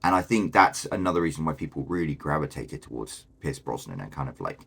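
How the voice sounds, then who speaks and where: Very deep husky man, chatty commentary. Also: animated, brisk, a bit bright. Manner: chatty and enthusiastic, with many fillers. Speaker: host. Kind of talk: casual video commentary.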